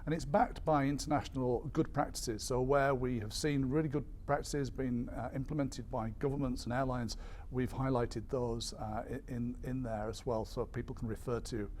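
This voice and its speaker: A man giving an explanatory briefing as an industry spokesperson, measured but hesitant, with frequent ums and repeated words. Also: mid-range voice, fairly even intonation, darkish tone, a little hiss or hum. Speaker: airline industry association spokesperson.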